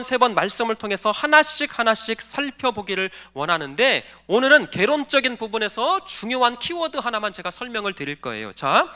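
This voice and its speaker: A man's voice: extremely high pitch, bright, forceful tone. A male pastor giving a sermon, posing questions to the congregation and answering them, and calling for the next slide. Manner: directs the slide operator between points.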